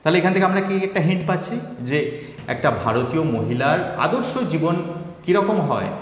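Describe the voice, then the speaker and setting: A man's voice: fairly high pitch, lively intonation, brisk. A man explaining poetic devices to students step by step, calling them guys. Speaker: English literature teacher. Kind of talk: online poetry lesson. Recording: echoey room with long reverb.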